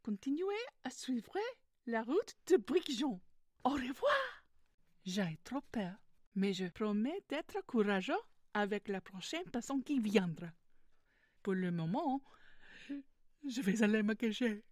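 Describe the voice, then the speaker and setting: A cowardly lion, played by a woman in a soft ASMR roleplay, slow and plaintive. The voice is husky and rather high, full of fear and longing to be brave. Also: sing-song, dry recording, clean studio sound, full character voice. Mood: anxious resolve. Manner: fearful, plaintive, hesitant. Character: timid, weepy cowardly lion desperate to be brave.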